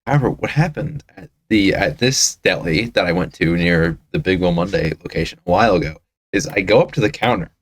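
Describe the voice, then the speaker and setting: A man's voice: low voice, lively intonation, brisk. A man co-hosting a podcast, telling a long story in a rambling, profane way with lots of restarts. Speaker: podcast co-host. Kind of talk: casual chat.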